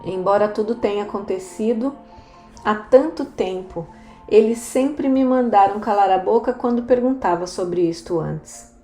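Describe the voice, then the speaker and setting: A woman reading the lines of a wistful, resigned young woman in an audiobook, speaking softly. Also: mid-range voice, measured pace, close to an everyday voice. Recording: roomy echo, faint music.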